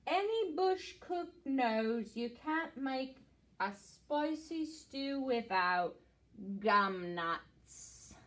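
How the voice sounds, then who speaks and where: A woman voices a slow, wise koala from a children's storybook. It speaks softly and lower than the other animals, drawing out each unhurried word. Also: animated, full character voice. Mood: calm. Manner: slow, soft, drawn out.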